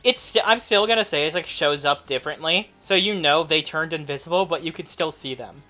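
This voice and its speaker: Bright-voiced game master laughing along. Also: male voice, fairly high pitch, faint music behind. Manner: laid-back, laughs often, quick asides. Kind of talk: running a tabletop game, casual chat.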